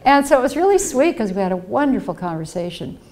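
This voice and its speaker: Her voice sits a little high and is slightly mellow, with big pitch swings and a quick pace. The older woman is a guest speaker giving a reflective personal talk at a library auditorium podium on a headset mic, earnestly telling stories and performing the voices she quotes.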